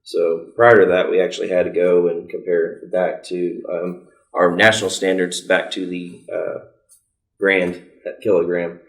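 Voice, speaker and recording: A man with a very low, gravelly voice, speaking as a guest on a casual podcast. His delivery stays flat, and he pauses often with fillers. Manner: halting, many fillers. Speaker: service director.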